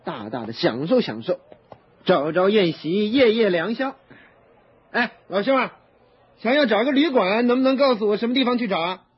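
A man acts out a giddy, spoiled young son who has his share of the family money and wants to spend it. His voice is high and swoops all over as he boasts and pleads, and the old lo-fi recording sounds dull. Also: animated, moderate pace, husky. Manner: eager, boastful, pleading, giggling. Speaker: prodigal son. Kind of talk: radio drama.

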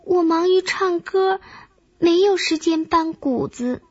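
A woman's voice: very high-pitched, slow, dull audio, voice pushed up. A woman voicing a starving, half-frozen male grasshopper who begs in a weak, breathless way. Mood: carefree.

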